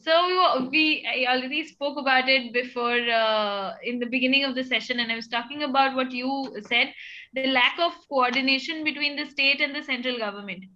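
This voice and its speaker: A woman's voice: high-pitched, moderate pace, sharp tone, dull audio. A woman, a polite, deferential panelist speaking over a crackling, clicking video-call line. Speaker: panelist from a workers' rights group. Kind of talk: online panel discussion. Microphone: remote video call.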